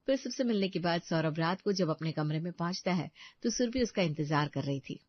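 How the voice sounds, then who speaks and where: A woman narrating an animated family story, engaging and speaking directly to the listeners. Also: fairly low pitch, brisk, no room sound. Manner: warm, engaging, addresses listeners. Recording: dry, slightly dull lo-fi audio.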